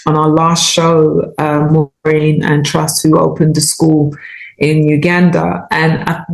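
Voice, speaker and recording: A woman's voice: deep voice, little pitch movement, slow pace, creaky. A woman hosting a show, asking questions in a conversational interview style. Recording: roomy, echoey sound.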